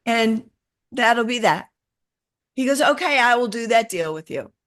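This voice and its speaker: A middle-aged woman shares a personal story in an interview. She talks in an animated way, taking on the voices of the people she quotes as she goes. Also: on the high side, unhurried. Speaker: interview guest.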